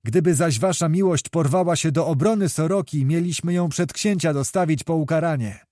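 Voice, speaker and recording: A man's voice: on the high side, moderate pace, dark tone, dry recording, clean studio sound, lightly acted. A man doing an earnest, deferential army officer. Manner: respectful, earnest explaining.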